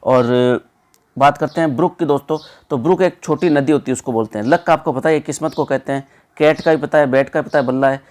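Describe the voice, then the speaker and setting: A man's voice: fairly high pitch, a little fast, darkish tone. A man, teaching as an exam prep tutor and explaining the answers step by step. He keeps repeating words and checks in with his listeners again and again. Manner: repetitive, checks in with 'theek hai' and 'doston'.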